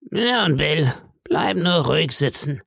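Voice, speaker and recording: A man voicing a menacing blind old sea beggar in an audiobook, speaking in a slow, eerie sing-song that sounds cruel and cold. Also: on the high side, very animated, vocal fry, a bit bright, husky, dry recording, studio quality, voice pushed up, heavily acted. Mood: commanding. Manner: slow, drawn-out wheedling delivery.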